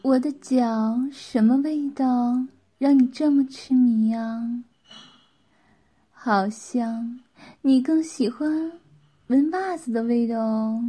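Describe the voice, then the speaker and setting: A woman's voice: high voice, slow pace, pauses often, dark tone, breathy edge, heavily acted. A woman voicing a bossy, playful young wife who teases and gives orders in a story reading. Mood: teasing. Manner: teasing, commanding.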